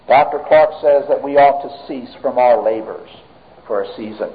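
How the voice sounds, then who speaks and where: A pastor preaching a sermon, swinging dramatically between loud and hushed and asking the congregation questions. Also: male voice, medium pitch, moderate pace. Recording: tinny, phone-like sound with long hall reverb.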